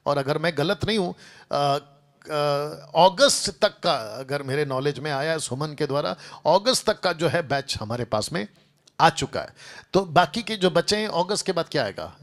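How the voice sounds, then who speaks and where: A male pastor making announcements and starting a sermon, talking to a seated group and to viewers online. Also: on the high side. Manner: speaks to a seated group and a livestream audience, repetitive lists.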